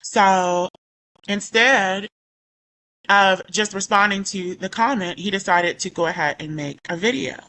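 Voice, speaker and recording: This YouTuber takes her time, her medium-pitched voice sharp-toned over a rough recording with a little hiss or hum. Recovering from lost vocal ability, she reads her comments aloud with indignation, wandering off and fixing her words partway through sentences.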